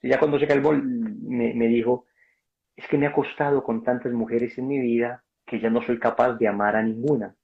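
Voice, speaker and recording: A man's voice: medium pitch, steady tone, normal speed, vocal fry. A man giving passionate, preaching-style answers on a video call, emphatic and acting out dialogue. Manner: emphatic, acts out dialogue, addresses listener as brother. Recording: dull lo-fi video call audio.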